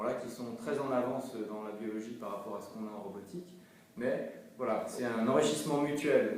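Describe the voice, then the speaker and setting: A man's voice: mid-range voice, darkish tone. A man giving explanatory interview talk as a company representative, hesitantly repeating words as he searches for phrasing. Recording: very echoey room, distant mic, faint noise.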